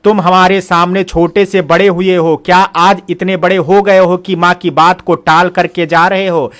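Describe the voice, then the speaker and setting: A man's voice: high voice, little pitch movement, moderate pace, a bit bright. A man voicing a worried mother who earnestly reproaches her son in an audio story. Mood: reproachful.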